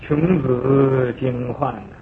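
Slow-lecturing man over a tinny line. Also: mid-range voice, fairly even intonation, a little hiss or hum. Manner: slow explanatory, many drawn-out filler syllables. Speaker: Buddhist lecturer. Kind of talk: sutra lecture. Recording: tinny lo-fi recording with audience.

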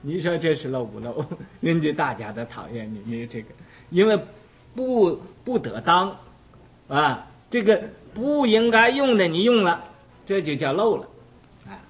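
A man delivers a Buddhist dharma lecture at a very slow, deliberate pace, his voice sitting a touch high. He fills the pauses with long "ah" sounds and brings each point to life by acting out small everyday scenes. The recording is dull and lo-fi, with the top end rolled off. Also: expressive. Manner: slow and deliberate, with frequent drawn-out "ah" fillers. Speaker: Buddhist teacher.

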